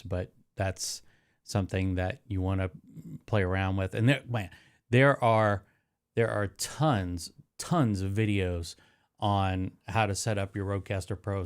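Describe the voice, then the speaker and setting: A nasal, low-pitched, smooth-voiced man hosts a live streaming tech demo of studio audio gear, speaking into a close dynamic broadcast microphone. His casual talk rambles, with many fillers, restarts, and self-corrections.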